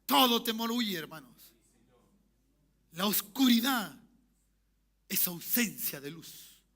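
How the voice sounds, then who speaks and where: A man preaching a sermon as pastor, shifting from soft talk to shouted calls for amen. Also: sits high, lively intonation, slow. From Chile. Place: church sanctuary.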